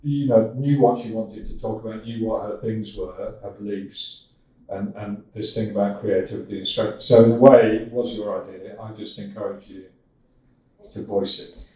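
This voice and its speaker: An older man in casual interview talk, speaking in a halting way with many restarts, as a podcast guest. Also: on the low side, fairly even intonation, warm tone, far from the mic. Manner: halting, with frequent repeated starts. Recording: echoey room, from off-mic.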